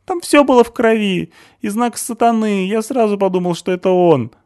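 Man doing a shrill panicky coward. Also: moderate pace, a little mellow, natural voice. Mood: panicked. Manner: hysterical, high-pitched and stammering. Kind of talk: audiobook reading.

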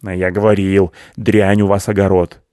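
A man's voice: low-pitched, little pitch movement, moderate pace, warm tone, clean tone, no room sound, studio quality, close to an everyday voice. A man voicing a timid, boastful male hare with a lisp in an audiobook. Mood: stubborn. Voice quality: lisping. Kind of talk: audiobook character voice.

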